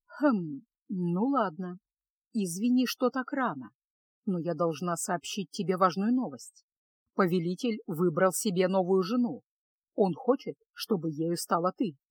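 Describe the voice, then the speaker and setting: A woman narrator voices a calm high priestess in an audiobook, speaking in a hushed, low, husky voice that is soft but firm. Unhurried and unbending, she repeats herself with quiet firmness. The sound is dry and close, with no echo.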